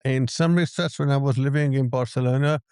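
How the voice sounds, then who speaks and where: Smooth-voiced man. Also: mid-range voice, steady tone, a little fast, a little mellow, no echo, clean studio sound. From Hungary. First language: Hungarian. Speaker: app developer, guest. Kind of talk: interview answers.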